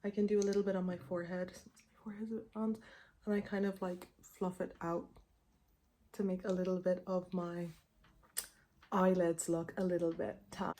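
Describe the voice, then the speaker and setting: A woman in her 20s runs a makeup tutorial in a lowish, dark, level voice at normal speed, leaving long pauses, with slight noise behind her. She's a beauty vlogger whose informal rambling leans on "like," and a faint click comes from her tongue piercing hitting her teeth.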